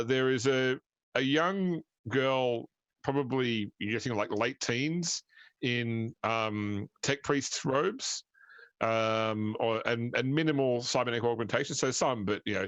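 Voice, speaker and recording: A man working as game master, improvising tabletop scene narration in a halting way, piecing descriptions together as he goes. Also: medium pitch, fairly bright tone, dry recording.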